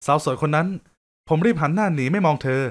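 A man telling a scripted first-person story in a lively, joking, conversational way. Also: on the high side, fast.

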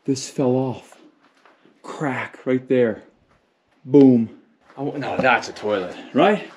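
Excitable male vlogger exploring caves. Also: medium pitch, takes it slowly, a little hiss or hum. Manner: excitable, swearing, thinking aloud. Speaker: travel vlogger. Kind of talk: on-location vlog talk. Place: outdoors in rock caves.

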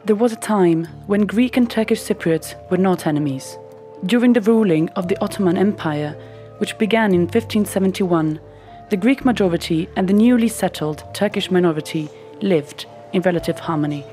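A woman giving scripted documentary narration in an even, explanatory manner. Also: mid-range voice, normal speed, faint music behind.

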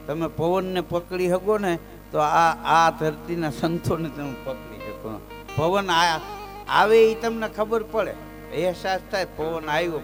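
A man telling folk stories live on stage. He chants verses loudly, then drops into easy chat and lands his punchlines. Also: on the high side. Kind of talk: live folk storytelling with recited verse and jokes.

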